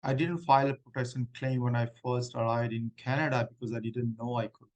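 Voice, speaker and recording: A man playing a middle-aged woman refugee claimant in a mock hearing role-play, answering haltingly with many restarts. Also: medium pitch, fairly even intonation, dull audio, natural voice. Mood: earnest.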